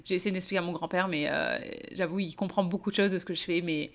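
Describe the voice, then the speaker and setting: A woman's voice: lowish voice, steady tone, fast. A young French woman chatting casually to camera as a vlogger, talking with many hesitations and frequent laughs. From France. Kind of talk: casual vlog chat.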